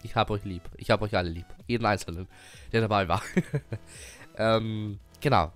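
A young gaming YouTuber and streamer with a cold gives a casual, rambling channel update, full of fillers, restarts and frequent little chuckles. His voice is fairly low and fairly bright, with fairly even intonation at normal speed. Faint music plays behind him.

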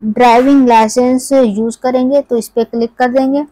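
Higher-pitched woman in a flat, steady tutorial voice. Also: normal speed, no echo, rough recording. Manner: step-by-step, conversational, addresses viewers directly. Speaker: tech tutorial channel host. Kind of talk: screen-recorded app tutorial.

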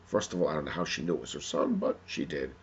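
A man telling a joke story in an unhurried, animated way. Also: extremely low pitch, gravelly, husky, dull audio.

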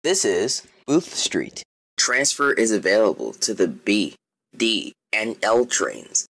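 A man gives scripted subway announcements in formal, clipped phrases. His voice is fairly low and a bit rough, with animated intonation and a dry, close sound. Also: slow, no echo, poor audio.

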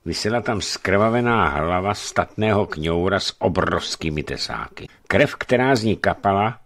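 A man narrating a novel for radio with expressive storytelling. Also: deep voice.

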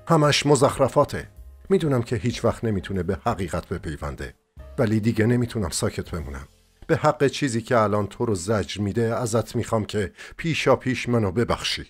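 A man's voice: fairly low pitch, animated, breathy edge, faint music behind. Man playing a desperate lovesick dreamer. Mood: impassioned. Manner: impassioned, urgent.

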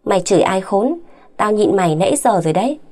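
A woman narrator voicing a brutal, contemptuous young husband who throws out quick, harsh insults. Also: mid-range voice, expressive, a little mellow, natural voice. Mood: harsh contempt. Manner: harsh, sneering, fast insults.

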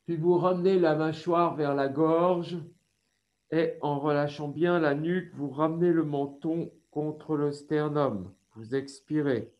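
A man with a French accent leading a yoga class over a video call, giving slow, calm instructions with breathing cues. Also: a little high, highs cut off. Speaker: yoga teacher.

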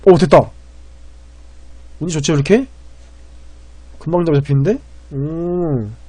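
Excitable man commentating a game. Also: fairly high pitch, takes it slowly, dry recording. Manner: excitable, rambling, swings between loud panic and muttering. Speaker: game streamer.

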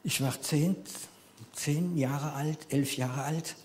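This sermon is delivered in German by a man in his fifties whose first language is French. He speaks slowly in a voice on the high side, swinging between loud emphasis and near-whispers as an animated storyteller, with slight noise in the background.

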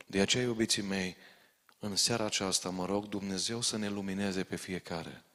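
Deep-voiced preacher. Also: male voice, fairly even intonation, fairly bright tone. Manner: urgent, direct warnings to the congregation. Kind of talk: sermon. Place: large church hall. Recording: long reverb of a church hall.

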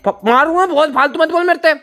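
A young man with a Haryanvi accent, shouting abusively in a staged phone argument at home during a prank. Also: extremely high pitch, fast talker.

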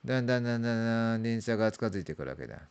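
A man's voice: medium pitch, lively intonation, racing, clear, resonant tone, highs cut off. A middle-aged man narrating a creepy ghost story in the manner of a veteran storyteller, drawing out words, repeating phrases and letting sentence ends trail off. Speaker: amateur ghost story teller. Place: small dark room indoors.

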